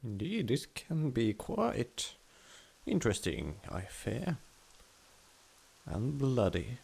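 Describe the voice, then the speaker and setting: Gravelly man commenting on gameplay. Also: mid-range voice, slow pace. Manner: relaxed, thinking aloud, self-mocking. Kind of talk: casual let's-play commentary.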